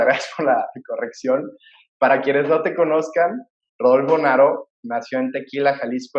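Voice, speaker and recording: Male podcast host, earnest, roomy lo-fi recording. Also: mid-range voice. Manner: earnest and admiring, reads introductions. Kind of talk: podcast interview hosting.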